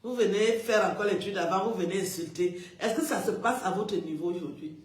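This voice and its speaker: A woman's voice: mid-range voice, a little fast, a little mellow, far from the mic. A woman talking casually on a live stream, chatty and emphatic, often repeating her phrases. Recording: echoey room, away from the mic.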